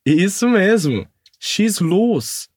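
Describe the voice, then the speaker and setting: Man slowly drilling German phrases. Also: high voice, big pitch swings, a little mellow, no room sound, clean studio sound. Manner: slow, clear model phrases to repeat. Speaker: language teacher. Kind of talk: German pronunciation drill in Portuguese.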